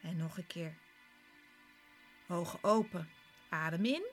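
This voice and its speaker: A woman guiding a relaxation exercise in a soft, soothing, partly whispered voice, with slow short instructions and pauses. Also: on the low side, lively intonation. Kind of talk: soft, soothing guided relaxation with breathy, part-whispered delivery. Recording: clear background music. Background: relaxation music.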